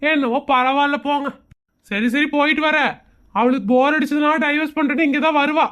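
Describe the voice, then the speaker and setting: Comedy skit: man as sarcastic, fed-up husband, high-pitched voice, Kongu Tamil accent, argumentative and mocking. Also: steady tone, a little fast, fairly bright tone. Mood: exasperated complaining. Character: exasperated, sarcastic husband who mocks everyone around him.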